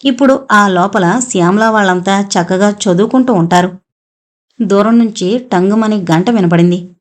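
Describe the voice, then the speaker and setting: A woman narrating a novel as an audiobook in a calm, even storytelling manner. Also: medium pitch, moderate pace.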